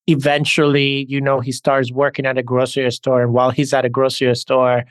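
A man's voice: mid-range voice, monotone, brisk, smooth, no echo. A man from the Dominican Republic, a podcast guest, talking earnestly and reflectively through personal anecdotes. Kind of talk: conversational interview storytelling.

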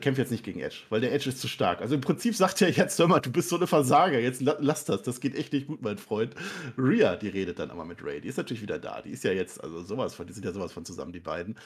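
A man co-hosting a casual wrestling recap, animated and jumping into high mocking voices when quoting people. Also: slightly rough. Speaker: podcast co-host.

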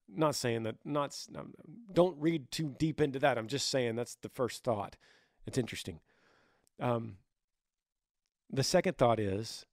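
Raspy, gravelly-voiced man, dry close sound. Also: medium pitch, a little mellow, dry recording. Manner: earnest, brotherly, careful hedging with restarts. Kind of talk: reading a listener's email and replying with informal advice.

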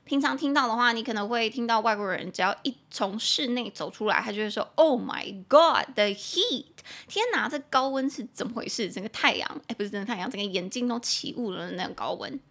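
A young woman with a Taiwanese Mandarin accent, hosting a casual English lesson podcast, slowly spelling words and laughing at her own stories. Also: a little high, a bit bright.

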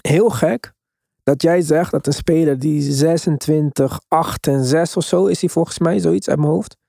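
A man's voice: a little high, measured pace, creaky, warm tone, no room sound, clean studio sound. A man in a casual, emphatic sports discussion, mixing in English slang as he hosts. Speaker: podcast host.

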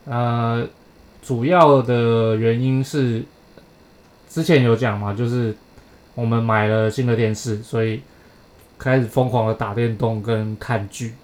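Halting Taiwanese male podcast co-host. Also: mid-range voice, steady tone. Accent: Taiwanese Mandarin. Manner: halting, repeats words as he explains. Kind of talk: casual chat.

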